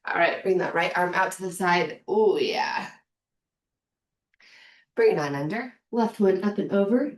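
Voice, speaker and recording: A woman's voice: lowish voice, measured pace, pauses often. Woman coaching a home workout, echoey. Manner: upbeat counting and cheering reps. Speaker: fitness instructor. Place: room at home. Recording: echoey room from far off.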